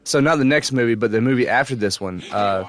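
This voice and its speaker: A man's voice: mid-range voice, fast, fairly bright tone. A man co-hosting a podcast, joking and laid-back while commenting on a film. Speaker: podcast co-host. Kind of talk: casual movie commentary.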